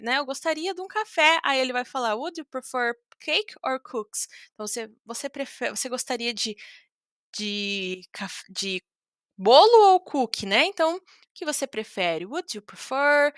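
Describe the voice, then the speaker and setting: A high, bright-voiced Brazilian woman explains grammar in a relaxed, chatty way, dropping frequent tag questions to her students. She slows down deliberately whenever she models an English phrase. The sound is close and dry, with no room around it. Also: dry recording. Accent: Brazilian Portuguese. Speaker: English teacher. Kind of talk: casual explanatory lesson.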